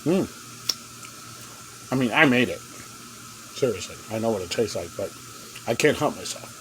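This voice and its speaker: A man with a drawl talks folksy and easygoing, narrating his own home cooking. He sits at an ordinary middle pitch. Frying and boiling sounds hiss clearly behind him in a cramped camper kitchen. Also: animated, a little slow, poor audio. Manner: folksy, chatty, talks with mouth full. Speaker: cooking vlogger. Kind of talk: casual cooking vlog. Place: camper kitchen with propane cooker. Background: boiling water and frying.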